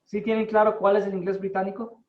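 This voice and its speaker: A man teaching an English class in Spanish, explaining slowly and deliberately and checking in with his students. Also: high-pitched, level tone. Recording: distant, roomy, dull-sounding.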